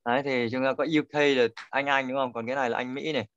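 A man's voice: mid-range voice, flat delivery, fast talker, a bit bright, clean tone. A man teaching an online pronunciation class, patient and corrective, often repeating his points. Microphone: video call. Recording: dull lo-fi call audio.

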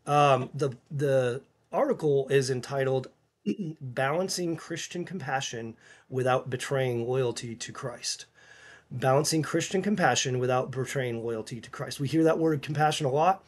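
Earnest guy doing a casual video commentary, lots of ums and restarts, middle pitch. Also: a little mellow. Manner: halting, many fillers and restarts; earnest, recommending. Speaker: YouTube channel host.

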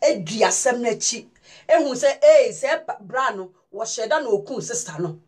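A woman's voice: a little high, lively intonation, moderate pace, a little mellow, husky. A woman from Ghana giving casual, emphatic news commentary and speaking directly to her viewers as a vlogger.

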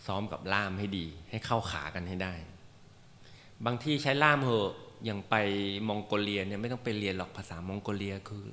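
A man with a somewhat low voice gives an informal lecture to a class, chatty and joking, with plenty of fillers. His voice rings with the long reverb of a hall, and a faint hiss of noise sits underneath. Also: a little fast, bright, forceful tone. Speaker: meditation teacher.

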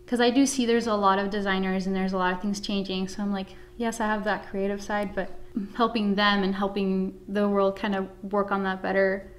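Woman from guatemala, 30s, kinda flat voice, earnest, faint hum behind. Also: mid-range voice. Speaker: supervisor. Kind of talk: interview. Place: office with flag and plant.

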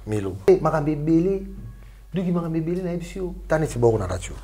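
A man in casual, animated chat, mixing French and Lingala. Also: a little high, a little fast.

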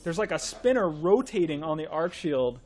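A man's voice: on the high side, sing-song, moderate pace, a little mellow. A man hosting a game livestream, enthusiastically presenting new skins and laughing often. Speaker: livestream host. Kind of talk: excited game update showcase.

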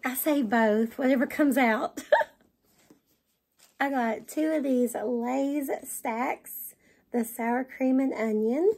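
A middle-aged woman with a Southern US accent, gushing excitedly as she shows off shopping finds to the camera at home. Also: sits high, takes it slowly. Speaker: vlogger. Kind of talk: haul video chat. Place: home dining room, indoors.

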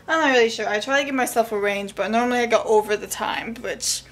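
A woman's voice: a little high, quick pace, fairly bright tone. A young woman filming a casual day-in-the-life vlog, rambling with lots of fillers and small laughs. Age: young adult. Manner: rambling, many fillers like "like" and "yeah", giggly. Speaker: vlogger. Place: dorm room, then a small campus gym. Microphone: phone or camera set up nearby.

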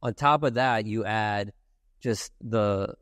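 Speaking slowly in a fairly low but slightly bright voice, this Ukrainian man in his forties, whose first language is Russian, earnestly fields questions as a podcast guest. The casual interview takes place in a bright office with a lounge set. Audio is studio quality and free of echo.

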